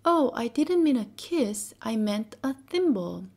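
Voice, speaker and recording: A woman voicing a polite, motherly little girl in a soft whispered role-play for a bedtime storybook. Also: on the high side, very animated, unhurried, full character voice. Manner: gentle, prim, sometimes indignant.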